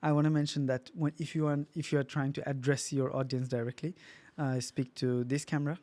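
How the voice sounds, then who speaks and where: A man's voice: medium pitch, flat delivery, a little fast, dark tone, no room sound. Bangladeshi man hosting a casual podcast. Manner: hesitant, many fillers and restarts. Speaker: podcast co-host.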